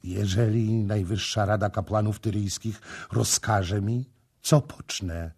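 A man's voice: on the low side, steady tone, slow, a little mellow, husky, pitched above the performer's own voice, full character voice. A man reading the part of a young priestess in an audiobook, tearful and pleading.

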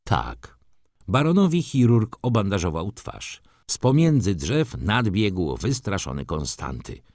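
Low expressive male audiobook narrator. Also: unhurried, no echo, studio quality. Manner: expressive, dramatic storytelling.

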